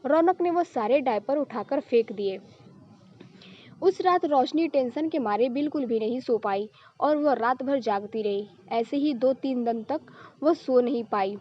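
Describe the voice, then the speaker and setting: Brief: female storyteller, slightly high voice, scripted narration, muffled lo-fi audio.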